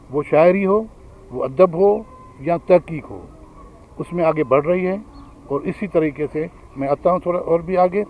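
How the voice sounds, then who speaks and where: A middle-aged man giving an earnest, argumentative public lecture in a steady lecturing manner. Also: high voice, low-quality recording. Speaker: guest speaker.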